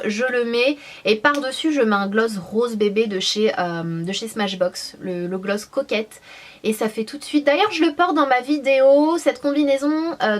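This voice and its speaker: A young woman talks through her favourite makeup in a casual, gushing tone. She pauses on fillers and restarts her sentences as she goes. Her voice sits slightly high. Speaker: beauty vlogger. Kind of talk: casual product review.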